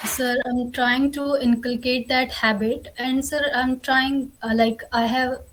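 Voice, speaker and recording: A young woman with a North Indian accent and a fairly high voice gives formal answers in a job interview. Her manner is deferential and polite throughout. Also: little pitch movement, measured pace, a bit bright, a little hiss or hum, low-quality recording. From Karnal, Haryana, India. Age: young adult.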